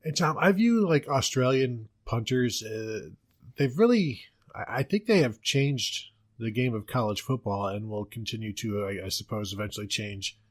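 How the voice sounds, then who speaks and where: A man's voice: mid-range voice, animated, moderate pace. A man with an American accent hosting a casual sports podcast, joking and rambling through asides. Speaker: podcast host.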